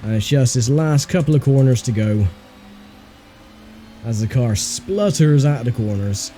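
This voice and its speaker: A man's voice: medium pitch, expressive, measured pace, mellow. A man hosting a racing game video, giving casual commentary on his own driving. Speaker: sim racer and host. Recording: faint engine noise behind voice. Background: racing game car sounds.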